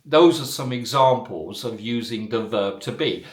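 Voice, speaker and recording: A man teaching a spoken English lesson, talking deliberately with exaggerated rising and falling intonation and frequent "uh" and "so" fillers. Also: medium pitch, roomy sound, loud music behind the voice.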